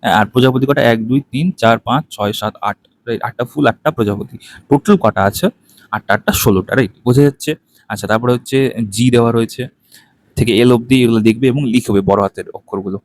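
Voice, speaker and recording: A man, walking through a textbook page in a lesson, ending nearly every point with a quick tag question and counting items aloud. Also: mid-range voice, dry recording. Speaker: teacher.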